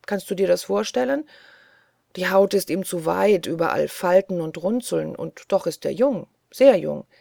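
Gentle old army colonel in a storybook, woman reading, grave and kind, bit of fry. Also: lowish voice, animated, moderate pace, dry recording, clean studio sound, full character voice. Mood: earnest. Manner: earnest, softly pleading, dreamy. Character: elderly male British colonel, gentle, fussy.

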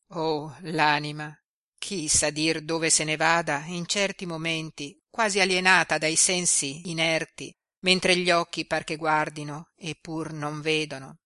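Low-voiced woman reading a novella. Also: dry recording, clean studio sound. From Italy. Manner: measured, expressive reading. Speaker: volunteer audiobook reader. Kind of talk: scripted narration.

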